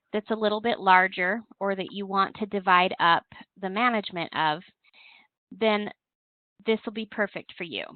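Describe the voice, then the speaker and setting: A compliance software trainer with a mid-range voice explains her instructional webinar step by step. The phone-line audio from a telephone conference call is thin and narrow-band, with no room sound.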